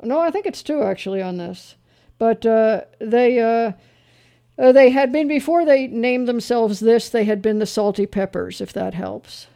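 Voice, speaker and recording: A man's voice: very high-pitched, unhurried, gravelly, warm tone. A man hosting a call-in radio show, chatting casually with a caller about old songs, joking and rambling with dry asides. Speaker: radio host.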